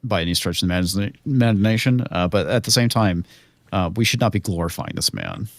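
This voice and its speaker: A man's voice: low voice, big pitch swings, fast, no echo. A man chatting casually on a livestreamed panel through a computer microphone whose automatic gain control makes his level jump unevenly. He drawls a little and restarts his phrases. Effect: uneven automatic gain control on his microphone, level jumping up and down. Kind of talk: casual political chat. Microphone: computer microphone on a call.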